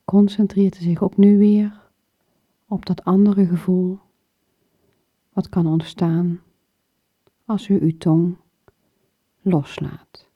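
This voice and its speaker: Breathy lady doing slow soothing relaxation instructions, nearly whispery, kinda muffled echoey recording. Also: fairly low pitch, steady tone. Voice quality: breathy, soft, often falling toward a whisper. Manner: slow, soothing, with pauses between short phrases. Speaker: relaxation exercise guide. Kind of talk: guided muscle relaxation instruction. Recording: dull lo-fi recording with room echo.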